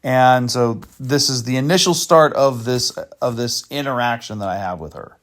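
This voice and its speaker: Speaking in a mid-range voice at a moderate pace, a channel host goes through a scammer's chat screenshots casually. The delivery wanders loosely, with fillers, restarts and dry, sarcastic asides.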